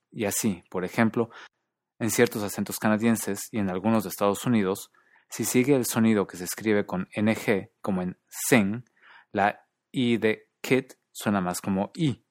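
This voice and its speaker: Low-voiced man explaining accents. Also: dry recording, studio quality. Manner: measured, demonstrates English vowel sounds in different accents. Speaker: host of a linguistics video series. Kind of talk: scripted educational narration.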